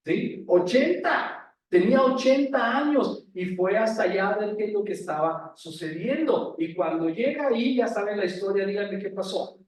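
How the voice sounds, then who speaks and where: A man's voice: high-pitched, moderate pace, few pauses, recorded from a distance. A male pastor preaching a sermon who tells the story, asks the congregation questions and checks in with them often. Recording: very echoey room, voice from afar.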